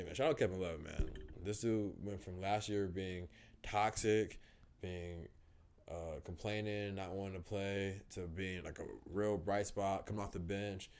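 Laid-back low-voiced young man. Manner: laid-back, hesitant, repeats words, gives shout-outs. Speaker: podcast co-host. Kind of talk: casual sports chat.

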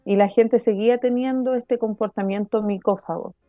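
A woman, a guest explaining her field in a measured way during an interview. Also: on the high side, steady tone, dry recording, dull audio, faint music behind. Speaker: guest, mycologist and author. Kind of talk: interview answer.

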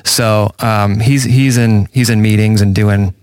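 A man's voice: lowish voice, fairly even intonation, unhurried, darkish tone, clean tone, no echo. A young man hosting a casual church podcast, with playful, jokey introductions. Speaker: podcast host.

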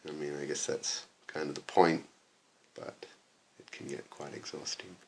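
A man's voice: very deep voice, fairly even intonation, normal speed, creaky, a little mellow, slight background noise. A young man at university chatting casually about his studies, dry and self-deprecating, often chuckling. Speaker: interviewee, university maths student. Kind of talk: casual conversation.

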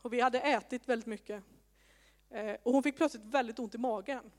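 Woman, 30s, preacher, personal testimony sermon, conversational, self-mocking, fairly high voice, long church-hall reverb. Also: steady tone.

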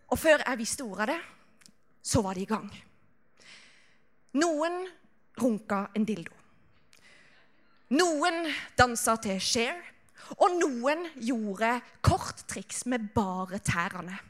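A woman's voice: on the high side, a bit bright. A young woman performing a comic story on stage.

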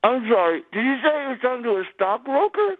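A man's voice: very high voice, big pitch swings, quick pace, no echo. A man whose mouth is swollen after dental surgery, groggy and mumbling with slurred speech, growing outraged. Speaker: prank call target. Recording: tinny phone line.

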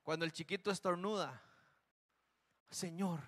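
A male preacher from Costa Rica delivers a passionate sermon in a church. His voice sits high and rings bright. He swings from urgent, forceful declarations to hushed, low warnings. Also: measured pace. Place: church sanctuary.

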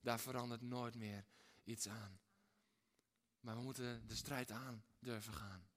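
A man preaching a sermon in a dramatic way, swinging between hushed and loud, with repeated rhetorical phrases. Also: mid-range voice, fairly even intonation, measured pace. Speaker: pastor.

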